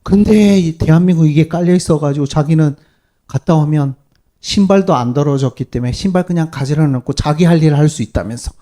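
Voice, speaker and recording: A male pastor preaching a sermon to his congregation, animated and peppering them with rhetorical questions. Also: fairly high pitch, fast. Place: church service.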